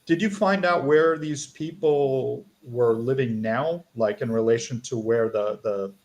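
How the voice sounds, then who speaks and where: A man from the United States in casual panel chat, asking questions in a relaxed, curious way. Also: medium pitch, measured pace.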